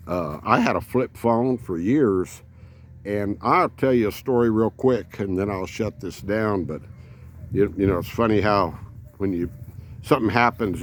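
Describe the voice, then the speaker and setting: A man's voice: on the low side, a little hiss or hum. A man, telling rambling folksy stories as an RV vlogger. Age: 70s. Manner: rambling, folksy, many fillers. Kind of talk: casual storytelling.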